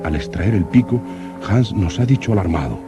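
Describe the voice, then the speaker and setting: An actor playing an earnest, curious young explorer who narrates his expedition diary like an old radio serial announcer, in formal, measured diction. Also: low-pitched, lively intonation. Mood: earnest narration. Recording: old radio drama with music.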